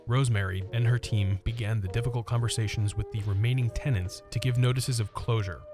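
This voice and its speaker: A man narrating the history of an abandoned mall as a scripted voice-over, measured and informative. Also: fairly low pitch. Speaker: urban exploration vlogger narrating history.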